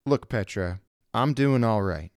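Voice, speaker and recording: A man's voice: lowish voice, expressive, measured pace, no room sound, studio quality, pitched above the performer's own voice. A man voicing a tense, weary male starship captain who talks in a clipped, commanding way.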